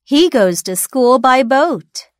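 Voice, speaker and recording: Woman reading test answers, high voice bouncing around, super slow and clear, dry studio sound. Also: animated, no room sound. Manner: slow, carefully enunciated for learners. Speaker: listening test reader. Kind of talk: scripted textbook dialogue reading.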